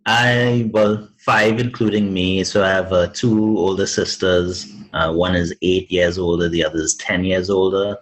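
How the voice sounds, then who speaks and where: A man's voice: low voice, steady tone, a little slow, few pauses, low-quality recording. A young man from Trinidad and Tobago, a podcast guest chatting casually, with many fillers, restarts and easy laughs. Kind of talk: casual interview chat.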